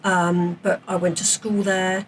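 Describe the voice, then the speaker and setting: A woman in her fifties, raised in South Africa, chatting as a podcast guest and telling stories in an animated way. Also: on the low side, unhurried, distant mic, a little hiss or hum. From England, raised in South Africa. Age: 50s. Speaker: podcast guest, former police officer. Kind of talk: casual interview chat.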